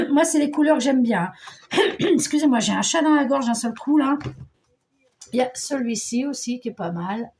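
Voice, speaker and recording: A woman's voice: high-pitched, animated, normal speed, pauses often, darkish tone, slight background noise. A middle-aged woman from Paris chatting casually about her craft haul, hesitant, with many fillers and restarts. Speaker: scrapbooking vlogger. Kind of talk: casual show-and-tell chat.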